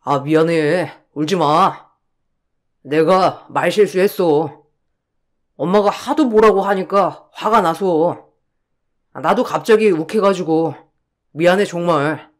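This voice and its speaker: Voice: medium pitch, takes it slowly, long pauses, close to an everyday voice. A voice actor playing a young husband who grumbles defensively and sounds worn out, in a radio drama. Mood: apologetic. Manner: complaining, defensive. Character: irritable young husband, torn and tired.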